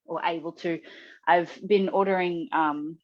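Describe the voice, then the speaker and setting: Low-pitched woman on dry, muffled audio. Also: steady tone, measured pace, darkish tone, dry recording. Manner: informal, hedging with lots of "like" and "kind of". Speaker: program participant. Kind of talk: casual check-in chat.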